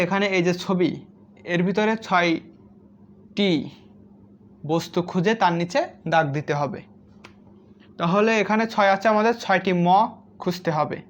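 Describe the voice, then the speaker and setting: Patient children's teacher who counts each item aloud. Mid-range voice, slightly muffled recording. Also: mid-range voice. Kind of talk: step-by-step lesson for young children. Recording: slightly dull lo-fi sound.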